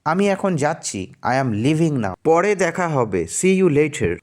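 Male English teacher, slow, sing-song phrase-by-phrase reading for learners. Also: on the high side, big pitch swings, a little mellow. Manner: says each Bangla phrase, then its English translation slowly.

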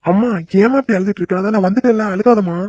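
A voice actor playing a gentle young son back home in a cartoon, reassuring his mother and sister. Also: medium pitch, very fast, no echo, muffled recording, natural voice. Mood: soothing. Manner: soothing, reassuring. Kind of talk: cartoon voice acting.

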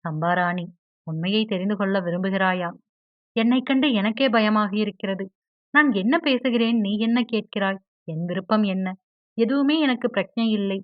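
A teasing, wry young man from a storybook reading, as a woman reads him. The voice sits at an ordinary middle pitch with a light, lifted delivery. The sound is dry and a little dull. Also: normal speed, dry recording, natural voice. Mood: rueful. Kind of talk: audiobook character dialogue. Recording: dry, slightly dull audio.

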